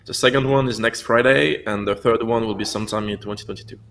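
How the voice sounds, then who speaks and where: A man's voice: fairly low pitch, fairly even intonation, quick pace, a bit bright. A man chatting on a livestream as a game developer, explaining in a conversational way. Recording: faint background noise, game sound behind.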